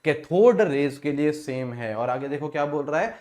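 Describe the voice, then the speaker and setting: A man's voice: a little high, animated, moderate pace, a little mellow. A man with an Indian accent teaching exam chemistry, who asks questions and answers them himself and calls students "beta". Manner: calls listeners beta, repeats key points. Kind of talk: exam revision lecture.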